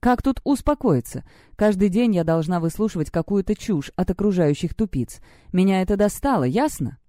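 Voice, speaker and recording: A woman reading an audiobook, voicing a furious teenage girl witch student who shouts insults. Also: medium pitch, expressive, a little fast, dry recording, studio quality, pitched above the performer's own voice, natural voice. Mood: raging.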